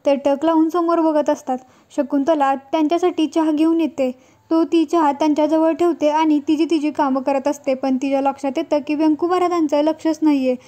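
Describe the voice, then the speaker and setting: A woman narrating a recap of a TV serial episode in steady, even storytelling. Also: high voice, a little fast.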